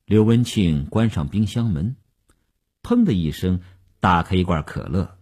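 A man narrating a radio novel at a measured pace. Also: low-pitched, lively intonation, a little mellow, husky. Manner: measured storytelling. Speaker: novel reader.

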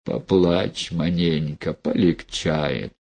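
Male reader as a fanatical backwoods prophet; slow, preachy drawl, dark and husky. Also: a bass voice, voice pushed down, full character voice. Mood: mock-soothing. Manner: drawling rustic dialect, preachy, threatening. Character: fanatical self-styled male prophet, menacing.

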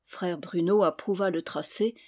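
A woman reading a historical novel aloud as narrator, in an even, measured manner. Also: on the low side, breathy edge. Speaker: audiobook reader.

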